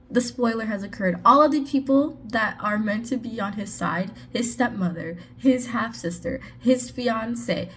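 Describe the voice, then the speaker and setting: A woman's voice: mid-range voice, a little hiss or hum. Chatty woman with sarcastic asides. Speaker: book reviewer. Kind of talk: casual book review vlog.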